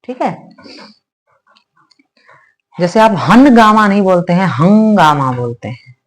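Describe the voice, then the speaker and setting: A woman teacher walks her viewers through Sanskrit pronunciation, saying each sound slowly and asking them to repeat it. She keeps checking in with her students, calling them "beta" the way a teacher does. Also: lowish voice, big pitch swings. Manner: addresses viewers as "beta", asks "hai na?". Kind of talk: spoken online lesson.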